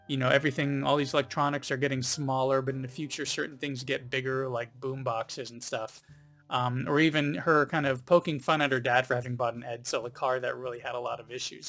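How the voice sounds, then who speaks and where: A man talks through a film review in a loose, rambling way, often pausing on ums and you-knows. His voice sits at a middle pitch. Faint music plays underneath. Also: fairly bright tone. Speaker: film reviewer, channel host. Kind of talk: casual spoken video review.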